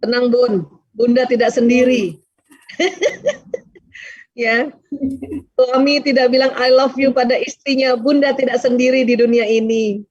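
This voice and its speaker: A woman's voice: fairly high pitch, steady tone, measured pace, pauses often, darkish tone, dry recording. A woman giving casual, reassuring parenting advice, laughing often as she talks. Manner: chatty and reassuring, laughs often, addresses listener as Bun. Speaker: parenting advice speaker answering questions. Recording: dull dry close recording.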